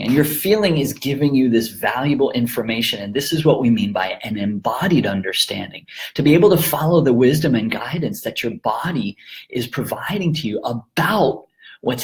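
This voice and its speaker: A man teaching laughter yoga to camera in a calm, explanatory way, often breaking into laughter as he talks. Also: mid-range voice, moderate pace.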